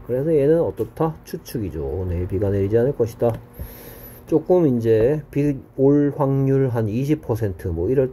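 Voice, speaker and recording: A man teaching English grammar in a recorded exam-prep lesson, explaining step by step and reading English example sentences slowly. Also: lowish voice, warm tone, slight background noise.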